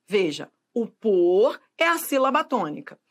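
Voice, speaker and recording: A woman teaching grammar in a video lesson, speaking straight to the viewer, asking and answering her own questions, and drawing out example words slowly. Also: medium pitch, very animated.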